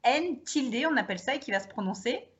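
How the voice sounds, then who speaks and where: A woman's voice: fairly high pitch, expressive, brisk, highs cut off. A woman teacher guiding a partner through pronunciation examples, prompting her to speak. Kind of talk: classroom demonstration dialogue.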